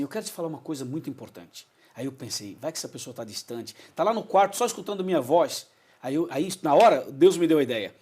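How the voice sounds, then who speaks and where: A man's voice: fairly high pitch, a little mellow, breathy edge. A man, a pastor telling emotional anecdotes as a TV interview guest and acting out what people said. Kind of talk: storytelling in a TV interview.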